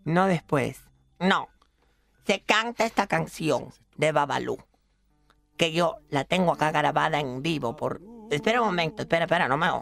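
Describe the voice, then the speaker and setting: Milagritos, a fussy gravelly old lady. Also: a little high, normal speed, a bit bright, soft background music. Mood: storytelling. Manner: fretful, pious exclamations, calls people "mi amor". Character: fussy old woman storyteller, prim and easily shocked. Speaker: recurring character on a radio comedy show. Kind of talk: radio comedy sketch.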